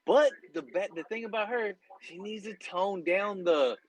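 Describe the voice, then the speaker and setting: A man co-hosting a casual talk show who jumps in with quick jokes and comments. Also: high-pitched, poor audio. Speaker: podcast co-host. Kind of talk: casual chat.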